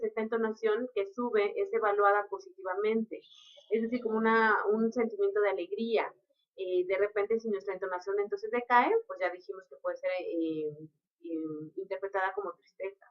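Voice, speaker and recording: A woman explains her points in an unhurried, teaching manner. Her voice sits in the middle range for a woman. The recording is dull and lo-fi. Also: mid-range voice. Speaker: lecturer. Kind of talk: recorded lecture.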